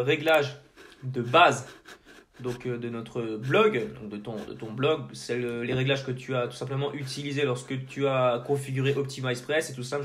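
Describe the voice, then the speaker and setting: A man hosting a screen-recorded software tutorial, talking casually to the viewer with many fillers and restarts. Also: mid-range voice, slight background noise. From French-speaking. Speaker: tutorial host.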